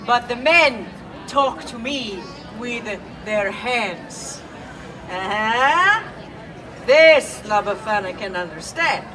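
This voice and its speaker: Old Italian witch, kindly, playful, played by a woman, put-on Italian accent, high, unhurried, noisy outdoor street. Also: animated, pushed and bright, heavily acted. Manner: playful, coaxing, asks children questions. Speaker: costumed storyteller for children. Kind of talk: live in-character storytelling. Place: outdoors in a public urban space. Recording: distant outdoor recording with crowd.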